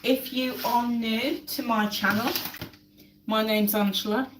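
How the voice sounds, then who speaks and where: The woman's voice is on the high side, with fairly even intonation and an unhurried pace, against a noisy background. She hosts a lifestyle channel, cooking at home on a casual live stream, talkative and doubling up words for emphasis while she recovers from a cold and coughs. The mic is distant in her echoey kitchen.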